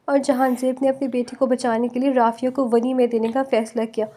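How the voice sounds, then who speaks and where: A woman's voice: high voice, flat delivery, mellow. A woman voicing a desperate middle-aged mother who tearfully tells her story in an audio novel. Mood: mournful. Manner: tearful, pleading.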